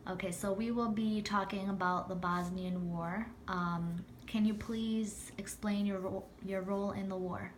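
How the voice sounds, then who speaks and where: A woman's voice: medium pitch, fairly even intonation, a little slow, hardly any pauses, slight background noise. Young woman interviewer, polite. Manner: polite, formal introductions. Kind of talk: interview questions.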